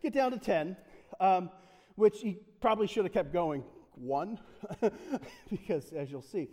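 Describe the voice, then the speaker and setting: A man's voice: sits high, a little slow, mellow, long reverb tail. A man from the United States preaching a casual sermon in a church, joking and chatty, with many fillers and restarts. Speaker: pastor.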